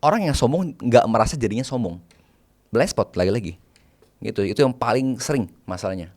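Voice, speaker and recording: A man's voice: medium pitch, lively intonation, a little fast, a little mellow. A man, a private banker, chatting casually as an interview guest, mixing in English phrases and laying out numbered tips.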